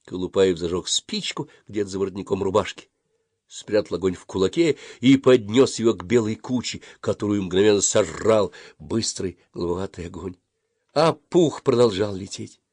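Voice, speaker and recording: Lively low-voiced male storyteller. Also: normal speed, no echo. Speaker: narrator. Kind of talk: audiobook reading.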